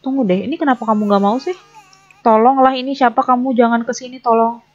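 A woman's voice: fairly high pitch, steady tone, fast, muffled recording. A young woman chatting casually over her gameplay, often flustered and talking to the characters on screen. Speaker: gaming YouTuber.

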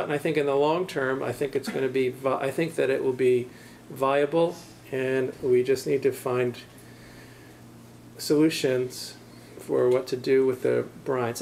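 Gravelly middle-aged man lecturing. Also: medium pitch, fairly even intonation, moderate pace, darkish tone, slight background noise. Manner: thoughtful, hedging, many restarts. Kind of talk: answering audience questions in a lecture. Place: university classroom.

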